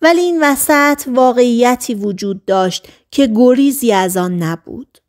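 A woman narrating an audiobook in the first person, in a steady, measured reading. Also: fairly high pitch.

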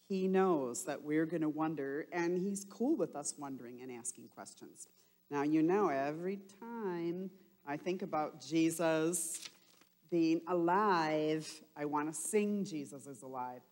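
A woman telling children a Bible story at church, talking to them in an encouraging way. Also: deep voice. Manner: warm, encouraging talk to young children. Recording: long hall reverb.

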